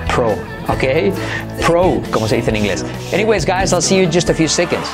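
A man hosting an English lesson, talking energetically and switching between Spanish and English, slowing down to repeat example phrases. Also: a little high, very animated, over loud music. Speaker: English teacher hosting a channel. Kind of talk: bilingual English lesson, casual and upbeat.

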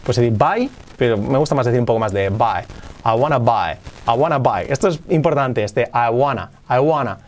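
A man teaching English phrases in a casual video lesson, repeating them slowly to drill pronunciation. His first language is Spanish. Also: medium pitch.

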